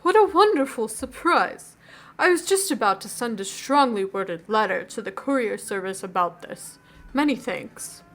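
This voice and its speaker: A woman voicing a courteous, old-fashioned gothic gentleman with formal, refined speech while reading a video game aloud. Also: on the high side, lively intonation, moderate pace. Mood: polite delight.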